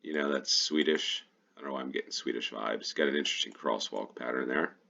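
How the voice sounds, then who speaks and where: A man's voice: very deep voice, a little fast, creaky, bright, forceful tone, highs cut off. An American man giving casual gameplay commentary as he plays, thinking aloud and correcting himself as he goes. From United States. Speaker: GeoGuessr player and host.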